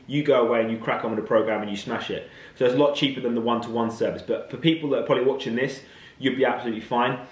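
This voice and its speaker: A man's voice: mid-range voice, echoey room. A man, a fitness coach talking casually to camera, chatty and blunt. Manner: chatty, blunt, matter-of-fact. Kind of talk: casual vlog talk to camera.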